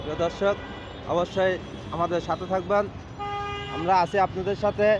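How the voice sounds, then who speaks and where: A man's voice: high-pitched, steady tone, moderate pace, highs cut off. A man with a Bangladeshi accent hosting a casual street vlog, talking in an informal, repetitive, coaxing way. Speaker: video host. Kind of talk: casual street vlog talk, addressing viewers and a young boy. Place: outdoors on a busy city roadside. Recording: noisy outdoor street with traffic. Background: traffic, vehicles, city ambience.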